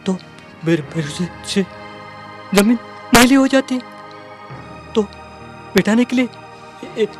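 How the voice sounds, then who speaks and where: A hungry, beaten outcast, voiced by a man stammers out his shame in halting fragments. His voice sits high and drags slowly. Soft music plays behind him. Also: expressive. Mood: broken, pitiful. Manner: broken, halting, pleading speech. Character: starving untouchable man, hunted and pleading.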